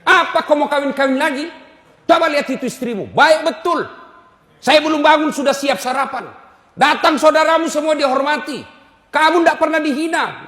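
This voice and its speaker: A preacher acting out an older mother who loudly and sternly scolds her son. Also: very high-pitched, pitched above the performer's own voice. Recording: echoey hall reverb.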